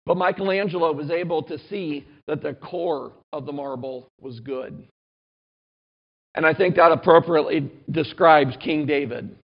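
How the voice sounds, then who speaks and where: A male pastor giving a sermon and reading scripture aloud, earnest and measured, slowing down to stress key points. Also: fairly high pitch, dull audio.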